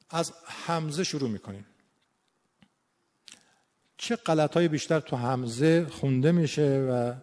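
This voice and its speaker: A man teaching Quran recitation rules, explaining how errors are scored and slowly demonstrating each sound. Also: a little high, darkish tone. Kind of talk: tajwid lesson on scoring recitation. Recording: long hall reverb.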